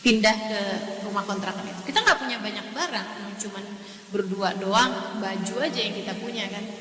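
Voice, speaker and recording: A woman's voice: medium pitch, moderate pace, sharp tone. A woman from Indonesia preaching in a casual storytelling way, addressing her listeners directly and animatedly. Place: mosque hall. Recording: echoey hall, distant mic, faint hiss.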